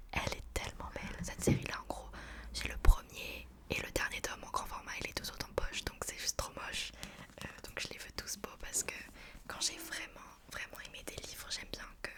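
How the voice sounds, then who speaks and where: Girl doing asmr, soft breathy library whisper the whole time, chatty and informal like she's talking books. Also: moderate pace. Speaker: ASMR book reviewer. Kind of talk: whispered ASMR chat, book review.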